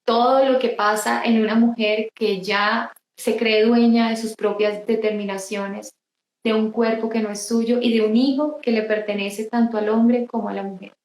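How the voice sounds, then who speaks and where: A woman giving an emotional personal testimony in an interview, halting and restarting often. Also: on the high side, fairly even intonation, darkish tone, reverberant, rough recording. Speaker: interview guest.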